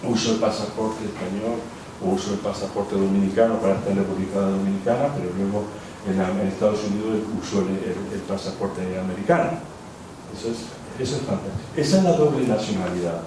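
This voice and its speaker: In a lecture hall, a man with a low-ish voice speaking a little fast gives a rambling academic lecture, frequently rephrasing and filling pauses with "eh." The distant microphone captures hall echo and background noise.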